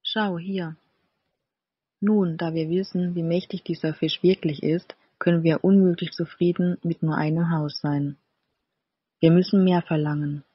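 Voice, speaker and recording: Brief: a shrewish fisherman's wife in a fairy-tale storybook, read by a woman; husky, demanding. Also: on the low side, fairly even intonation, a little slow, dry recording. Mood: scolding. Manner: scolding, demanding. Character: nagging greedy fisherman's wife, shrill. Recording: slightly dull, dry recording.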